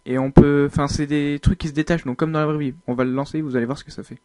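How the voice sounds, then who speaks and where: A man's voice: fairly high pitch, fairly even intonation, racing, dark tone, no echo. A man giving casual, hesitant gameplay commentary, thinking aloud with many fillers. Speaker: video game uploader.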